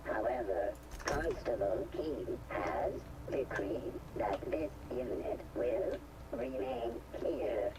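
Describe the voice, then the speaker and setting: An actor voicing a malfunctioning robot security unit in a video game, stuck in loops and speaking in clipped, formal machine phrases. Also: male voice, medium pitch, takes it slowly, lightly acted. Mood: glitching. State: malfunctioning, repeating itself in loops. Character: glitching robot security unit, stiff and officious. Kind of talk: video game character dialogue. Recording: distant game audio with noise.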